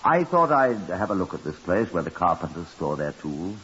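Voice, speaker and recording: An actor playing a firm middle-aged male chief inspector in a 1950s radio drama, speaking in a measured way. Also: low voice, sing-song, sharp tone, big-room sound, heavily acted. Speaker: narrator and detective. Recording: hissy, dull 1950s radio broadcast.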